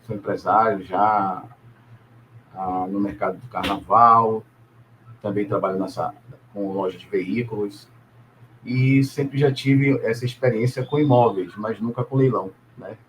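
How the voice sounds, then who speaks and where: A middle-aged man from Salvador, a businessman telling his story as an interview guest, relaxed and hesitant with frequent tag questions. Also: fairly low pitch, measured pace, slight background noise. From Salvador, Brazil. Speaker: guest, businessman and property investor.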